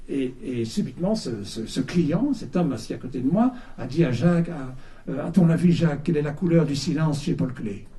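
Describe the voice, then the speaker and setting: At a book launch inside a bookshop, an older man gives a halting talk to a small audience, hesitating, repeating words and pausing with plenty of fillers. His mid-range voice is creaky yet mellow, and the distant mic picks up the room around him.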